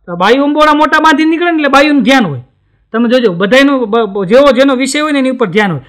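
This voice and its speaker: A man's voice: very high-pitched, racing. A stand-up comedian from Gujarat, a man, telling jokes and acting out the people in them. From Gujarat, India. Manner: animated storytelling, acts out the people in his jokes.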